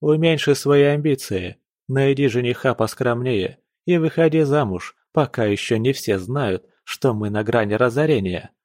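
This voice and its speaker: A man's voice: medium pitch, normal speed, a little mellow, no echo, clean studio sound, natural voice. A man doing a sneering young noble son. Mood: sneering proud. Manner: sneering, proud.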